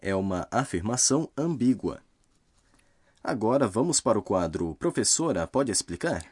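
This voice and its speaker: Man, lesson narrator, slightly low voice, husky, dry sound, careful explanations. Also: very animated, darkish tone, no echo. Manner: slow, careful explaining of grammar rules. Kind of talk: scripted language lesson narration.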